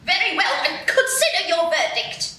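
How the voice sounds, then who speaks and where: A very high, lively, bright voice of a bossy queen, as a woman acts her out, haughty and theatrical, talking slowly and threatening on a whim. She sounds echoey and from across a stage, as in a live radio play. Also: exaggerated voice. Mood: imperious. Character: bossy, imperious female queen, quick to threaten. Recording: echoey stage from a distance, faint noise.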